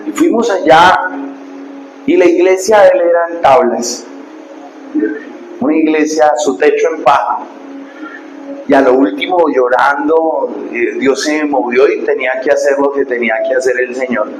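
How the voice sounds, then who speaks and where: A man pastor, preaching a sermon and telling stories, dropping to hushed asides and rising to loud preaching. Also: on the high side, normal speed, pauses often. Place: church hall. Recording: echoey hall with background noise.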